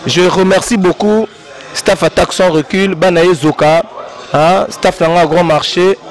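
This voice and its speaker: A guest artist from Congo-Brazzaville, speaking with a Congolese French accent, rambles through an interview and gives long shout-outs. His voice is high-pitched, with fairly even intonation and a measured pace.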